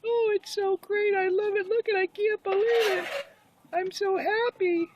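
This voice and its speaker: A giddy old male house cat, squeaking high and gushing with delight. The voice sits far above a normal speaking pitch. Noise hiss runs underneath the home recording. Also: fairly even intonation, measured pace. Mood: blissful.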